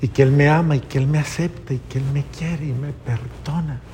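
A man's voice: on the high side, steady tone, fairly quick, mellow. A male priest preaching a sermon around a personal story, earnest and emotional, repeating phrases for emphasis. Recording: long reverb, faint background noise.

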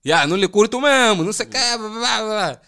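A young man from Angola with an Angolan Portuguese accent, telling animated, slangy stories as a podcast guest. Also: high-pitched, fairly quick. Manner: animated, slangy, acts out quoted voices. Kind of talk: casual storytelling chat.

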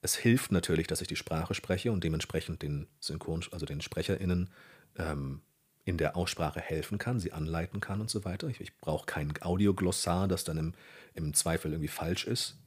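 A man, a guest on a podcast, explaining how he directs dubbing in an animated way that often corrects itself mid-sentence. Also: sits low, normal speed, breathy edge. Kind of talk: casual podcast interview.

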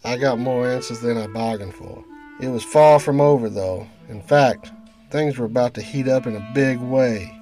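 A man's voice: medium pitch, moderate pace, dark tone, close to an everyday voice. A man narrates as a weary 1930s police detective. His delivery is terse and slangy, in hardboiled radio noir style, with music behind him. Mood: weary, brooding.

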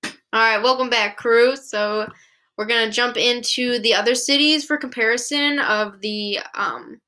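A woman's voice: on the high side, steady tone, unhurried, bright, forceful tone. A woman co-hosting a podcast in casual chat, mostly giving short, agreeing reactions to the other host.

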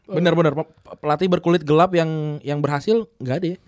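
A man's voice: a little high, fast talker, no echo, studio quality. Casual man hosting a podcast. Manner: relaxed, stumbles over words while reading. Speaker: podcast host. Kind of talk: casual chat, reads a definition aloud.

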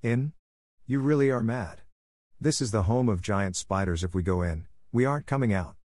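A man's voice: on the low side, lively intonation, normal speed, a little mellow, no room sound, clean studio sound, lightly acted. A man reading aloud and voicing a blunt, cautious male adventurer in a fantasy tale. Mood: alarmed.

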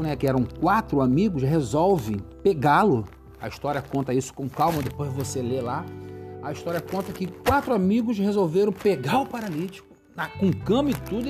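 A man's voice: high voice, darkish tone. A man with a Rio de Janeiro Brazilian accent and slushy sh for s, giving an informal devotional podcast talk in a colloquial, chatty way, correcting himself as he goes.

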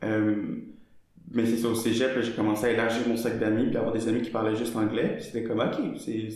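A man's voice: lowish voice, fairly even intonation, a little fast, darkish tone. A young man with a Québécois French accent, answering interview questions casually and hesitantly, with many fillers and restarts. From Quebec. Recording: very echoey room.

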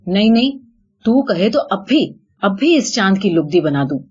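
A woman's voice: mid-range voice, expressive, dark tone, slightly rough, highs cut off. A woman voicing a hot-tempered, boastful male jackal who blusters threats through gritted teeth, in a told folk tale. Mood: furious boasting.

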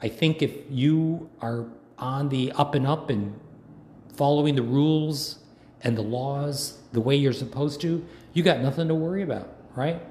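Hoarse man ranting in an echoey room. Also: medium pitch, unhurried, darkish tone. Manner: rambling, indignant ranting with many fillers. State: hoarse from long talking. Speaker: political commentator. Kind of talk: casual monologue. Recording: echoey room, faint background noise.

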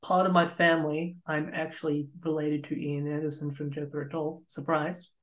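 A man hosting a casual chat show, speaking softly and hesitantly, often trailing off. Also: fairly high pitch, level tone, moderate pace. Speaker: host. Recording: echoey room.

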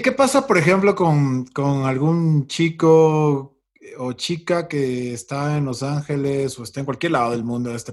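Husky-voiced man hosting an interview. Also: mid-range voice. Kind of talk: casual interview chat.

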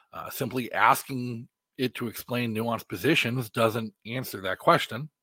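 An American man delivering a podcast monologue as host, in deliberate phrases with emphatic stresses. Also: medium pitch, sharp tone, slightly rough, dry recording.

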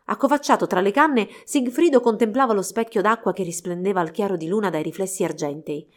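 A woman's voice: mid-range voice, fairly quick. Woman narrating a fairy tale. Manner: steady, expressive reading. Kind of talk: storybook narration.

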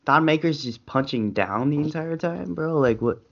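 A man's voice: fairly high pitch, expressive, normal speed, vocal fry. A young American man in casual podcast banter, talking in slangy frat-bro fashion from an echoey room. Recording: echoey room, dull lo-fi audio.

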